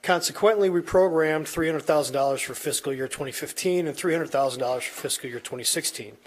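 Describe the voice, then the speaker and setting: A man's voice: on the high side, quick pace. A man on town staff reading a prepared, formal report to a board. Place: public meeting room.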